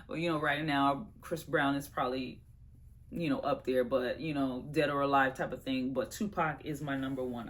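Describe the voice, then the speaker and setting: A woman vlogger reviewing her favorite movies in a casual, animated, slangy chat that talks straight to her viewers. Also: very deep voice, a little hiss or hum. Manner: animated, slangy and chatty, addresses viewers as y'all.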